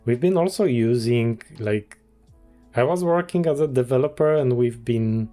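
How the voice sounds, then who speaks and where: A man's voice: mid-range voice, normal speed, warm tone, faint music behind. A man, chatting casually on a livestream as a game developer, thinking aloud with many restarts and small chuckles. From Poland.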